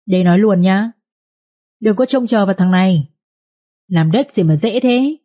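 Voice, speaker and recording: A woman voicing a callous young village man who sneers dismissively, in a husky voice. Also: mid-range voice, dark tone, lightly acted. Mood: contemptuous.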